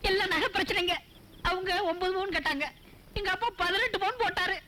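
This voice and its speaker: An actress playing a naive, overdramatic village wife who talks in a plaintive way. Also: female voice, very high-pitched, fairly quick, bright, forceful tone, slight background noise. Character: naive, tearful young village wife, dramatic and chatty. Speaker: stranded village woman, film character. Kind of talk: Tamil film comedy acting.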